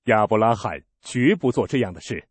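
Earnest, firm male teacher, read by a man with lively, solemn delivery. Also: lowish voice, normal speed, husky, no room sound. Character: calm, authoritative male teacher.

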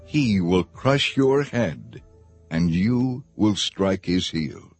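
A stern, almighty God, read by the male narrator, pronounces curses in grave, measured tones. His voice is low and slightly husky. Faint music sits beneath. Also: animated, dry recording, exaggerated voice. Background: background music.

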